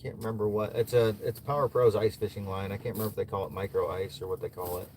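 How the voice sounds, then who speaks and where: This Midwestern man talks fast in a fairly low, slightly mellow voice with little pitch movement. Relaxed and often chuckling, he answers viewers' chat between bouts of fishing during a casual winter livestream from an ice shelter, with noisy outdoor sound behind him.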